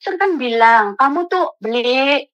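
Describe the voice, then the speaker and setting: High, bright-voiced woman telling her story. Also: a little slow, poor audio. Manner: animated storyteller who acts out the people she quotes. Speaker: caller, domestic worker. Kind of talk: phone-in story told to an advice host.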